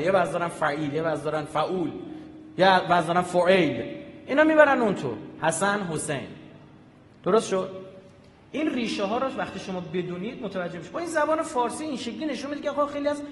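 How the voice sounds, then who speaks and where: A man giving an animated public lecture, often checking with his audience through quick rhetorical questions. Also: sits high, a little hiss or hum. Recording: echoey hall with long reverb.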